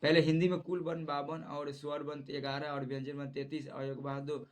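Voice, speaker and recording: A man's voice: a little high, flat delivery, a little fast. A man teaching a Hindi grammar lesson for exam students, saying each definition twice and reading the letters out one by one. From Bihar, India.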